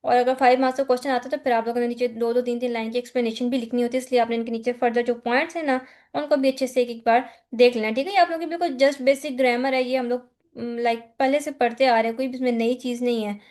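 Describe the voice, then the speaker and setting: A woman's voice: on the high side, steady tone, fast, darkish tone. A woman from Pakistan with a Pakistani accent, teaching an exam-focused lecture, reading points aloud and then explaining them with frequent check-ins. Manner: mixes Hindi-Urdu with English terms, reads slide points then explains them. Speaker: online course tutor.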